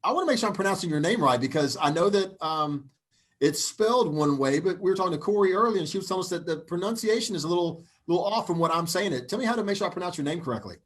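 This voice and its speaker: A man's voice: sits high, expressive, fast. A man with a Southern US accent hosting a live video interview, upbeat and talkative. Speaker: show host.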